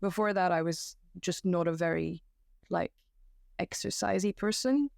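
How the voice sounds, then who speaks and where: The guest, a young Belgian woman who volunteers at climbing competitions, speaks casually and self-deprecatingly with many fillers and restarts, sitting on the floor of a new room at home. Her lowish, gravelly voice keeps a steady tone and measured pace. Her home mic yields clean studio sound without echo.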